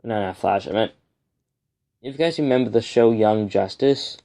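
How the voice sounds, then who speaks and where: A young man giving a casual, rambling review vlog, with a speech impediment that turns r into w and softens l. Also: on the low side, creaky. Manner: halting, rambling, repeats and restarts phrases. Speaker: comic book reviewer.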